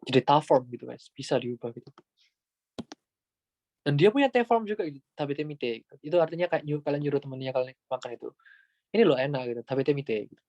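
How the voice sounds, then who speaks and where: A man's voice: a little high, lively intonation, fast talker, a little mellow, highs cut off, a little hiss or hum. A man giving a casual, chatty Japanese grammar lesson, full of fillers and asides to his students. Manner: chatty, informal, many fillers like "gitu". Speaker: Japanese language tutor.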